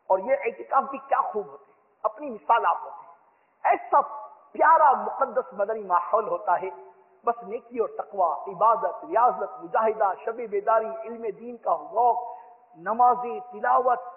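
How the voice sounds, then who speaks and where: A man's voice: sits high, normal speed. A man preaching a sermon, rousing and repetitive, leading the listeners in vows. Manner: rousing, repetitive exhortation, leads the crowd in vows. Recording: echoey hall, tinny phone-like sound.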